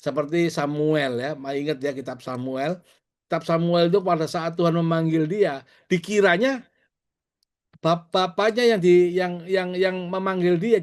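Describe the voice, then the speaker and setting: A middle-aged male pastor preaching over a video call, conversational, telling personal stories and laughing at himself. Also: high-pitched.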